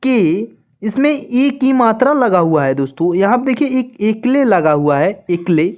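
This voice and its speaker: A woman's voice: medium pitch, big pitch swings, unhurried, a little mellow. A woman teaching an online lesson, who repeats each point and keeps asking her viewers questions. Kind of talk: slow classroom-style lesson.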